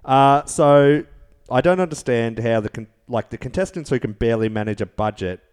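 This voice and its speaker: A man's voice: mid-range voice, moderate pace, a little mellow, clean tone. A man co-hosting a podcast in playful, slangy, casual chat about television. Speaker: podcast co-host. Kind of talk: casual banter reviewing a TV show.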